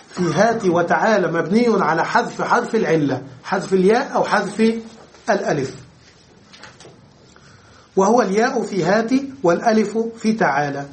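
Guy teaching grammar, fairly high voice, keeps rephrasing stuff and asking if you got it. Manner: repeats and rephrases terms to explain them, checks understanding. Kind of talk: explanatory grammar lecture.

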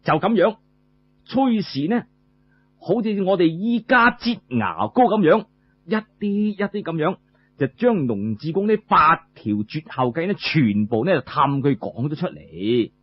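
In a muffled, lo-fi recording, a man with a Cantonese accent narrates a folk story aloud, phrase by phrase and in everyday language. His slightly rough voice sits on the high side, moving at a measured pace with a sing-song lilt.

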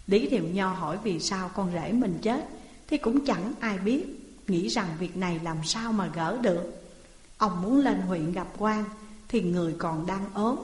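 A woman storyteller narrates an old court tale in a steady, earnest voice at a middle pitch. The sound is roomy with a long hall reverb. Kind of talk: narrated folk tale reading.

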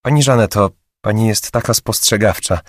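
A man's voice: on the low side, moderate pace, no echo, studio quality, natural voice. A man voicing a chatty, anxious young female receptionist who gossips with a raised voice, for an audiobook. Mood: awed. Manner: raised gossipy voice, later hushed whispering.

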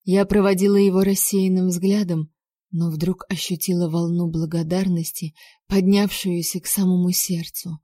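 A woman narrating a first-person audiobook in a measured, expressive storytelling manner. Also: on the low side, no echo, studio quality.

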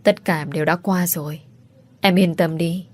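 A woman voicing a devoted young husband in a storybook reading, speaking softly and pleadingly. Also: lowish voice, steady tone, moderate pace, natural voice. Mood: tender.

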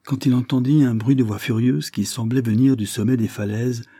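Un homme lecteur de livre audio lit un roman victorien d'une narration posée et régulière. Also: male voice, medium pitch, fairly even intonation, normal speed, mellow, slightly rough, no room sound, studio quality. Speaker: audiobook reader. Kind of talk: reading a Victorian novel.

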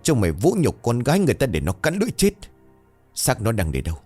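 A man voicing a scheming old male village chief in a spoken ghost story, gruff, low and commanding. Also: huge pitch swings, fast, a little mellow, dry recording, faint music behind. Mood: furious.

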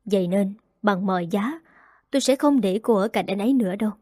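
A woman's voice: mid-range voice, a little fast, mellow, slightly rough, no echo, clean studio sound, lightly acted. Woman reading a stubborn young rival woman. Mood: defiant.

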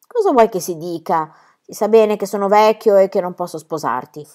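A woman's voice: mid-range voice, moderate pace, warm tone, close to an everyday voice. A woman voicing an older widowed ploughman who is earnest and kind, in an audiobook reading. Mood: kindly.

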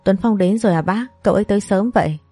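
A woman's voice: mid-range voice, quick pace, warm tone, slightly rough, dry recording, faint music behind, natural voice. A woman voicing a humble, hesitant young mother. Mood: modest. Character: modest young single mother.

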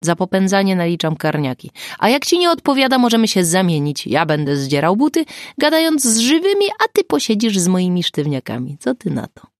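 A woman voicing a grumpy, sarcastic older male forensic pathologist in an audiobook, talking in a gruff grumble. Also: deep voice, animated, normal speed, a little mellow, dry recording, clean studio sound. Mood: grumbling. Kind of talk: audiobook character voice.

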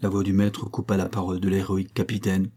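Low, husky male audiobook narrator. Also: little pitch movement, mellow. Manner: measured, dramatic storytelling. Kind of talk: scripted narration.

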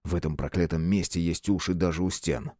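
A man's voice: low voice, a little fast, warm tone, no echo, clean studio sound. A man voicing a hot-tempered, brutish male security chief in an audiobook, barking orders. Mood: angry.

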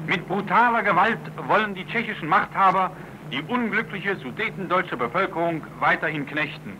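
A man's voice: high-pitched, bright, forceful tone, a little hiss or hum, low-quality recording. A man narrating a 1930s German propaganda newsreel in a strident, declamatory manner on an old soundtrack. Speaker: newsreel announcer.

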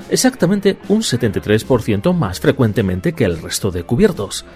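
A man's voice: medium pitch, darkish tone, close to an everyday voice. A man playing a courteous, matter-of-fact male waiter in an amateur radio sketch. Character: overly polite efficient male waiter.

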